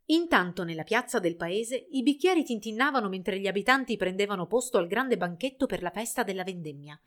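A woman reading a fairy tale aloud in an expressive storybook narration. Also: medium pitch, brisk.

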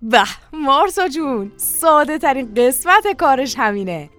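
A boastful, scheming country father, read by a woman who talks like an eager salesman. His voice sits fairly high and carries over faint background music in a storybook reading. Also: expressive, a bit bright. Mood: eager boasting.

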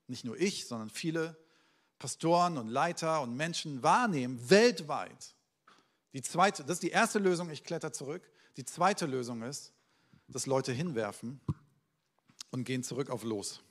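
Man, 30s, pastor, sermon, mid pitch, loud outcries and hushed asides, asks the congregation questions. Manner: dynamic preaching, swinging between loud outcries and quiet, hushed asides; addresses the congregation directly with questions.

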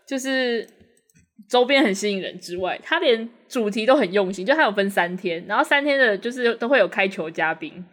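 A woman, co-hosting a casual podcast chat, eager and quick, repeating words when excited. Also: medium pitch. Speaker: podcast co-host.

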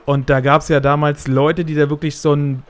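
A man's voice: a little high, little pitch movement, normal speed. A man in his thirties co-hosting a podcast, talking casually and rambling with many fillers. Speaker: podcast co-host. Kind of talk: casual chat.

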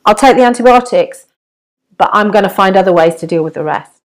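A middle-aged woman reads her own self-help book aloud. She speaks straight to the listener, encouraging and personal, with a steady narrating delivery. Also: medium pitch, a little fast. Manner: warm, direct address to the reader, encouraging. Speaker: author and narrator.

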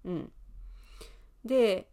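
A woman in her thirties with an Osaka accent, hosting a podcast lesson and explaining words in an easygoing way with fillers and soft laughs. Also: drawn-out words. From Osaka, Japan. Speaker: Japanese teacher and podcast host.

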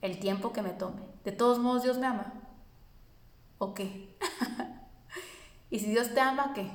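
A woman's voice: fairly high pitch, slow pace, echoey room. A woman, teaching a spiritual course in an earnest, reassuring way, speaking directly to her listeners.

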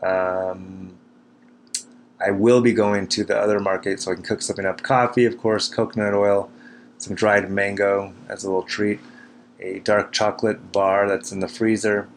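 Low-voiced man rambling, noisy cabin recording. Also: level tone, moderate pace. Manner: self-deprecating, dryly wry. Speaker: podcast host. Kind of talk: casual rambling solo podcast monologue. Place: small cabin kitchen in the mountains. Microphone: recording into a computer.

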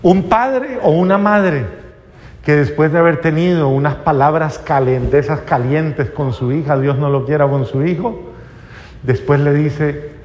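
Male preacher, slightly high voice, emphatic sermon, dull recording with long hall reverb. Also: unhurried. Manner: emphatic, swings between loud and hushed.

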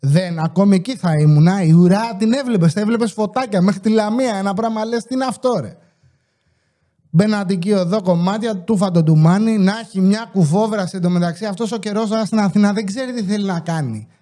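A podcast host with a high-pitched yet soft, mellow voice rambles through a comic story with few pauses. He swears freely and slips into the voices of the people he quotes.

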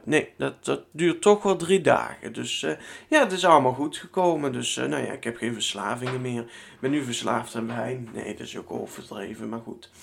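A young Dutch man hosts his own solo podcast from home, rambling chattily and swearing casually. His voice is mid-range with vocal fry.

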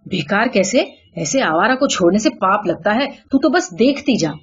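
A woman's voice: mid-range voice, expressive, warm tone, husky, highs cut off. A woman doing a raging male jackal. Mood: furious boasting. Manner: blustering threats through gritted teeth. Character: hot-tempered boastful male jackal, husband.

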